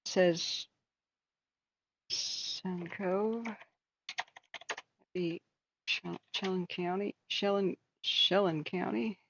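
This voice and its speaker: A woman's voice: lowish voice, steady tone, very slow, vocal fry, long pauses, lo-fi sound, background noise. A woman hosting a livestream with casual wildfire-tracking commentary, thinking aloud in a conversational way. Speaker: livestream host.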